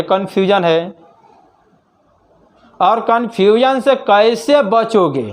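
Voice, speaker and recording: A man teaching a math class online, explaining step by step, repeating points and asking the students questions. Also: very high voice.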